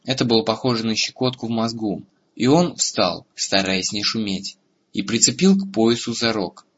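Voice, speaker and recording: A man narrating a fantasy audiobook in a steady storytelling manner, in a lo-fi recording. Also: lowish voice, moderate pace, slight background noise. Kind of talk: scripted narration.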